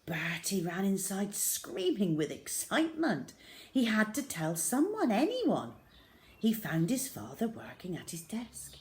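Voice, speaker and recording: At a medium pitch, a woman gives an expressive, measured reading of a children's story, dramatizing it with hushed emphasis.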